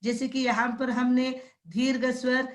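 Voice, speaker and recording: A woman's voice: high-pitched, level tone. A woman teaching a primary school class, sounding out words syllable by syllable and repeatedly checking with the children. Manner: drawn-out syllable-by-syllable pronunciation drills. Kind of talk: slow classroom lesson addressing children.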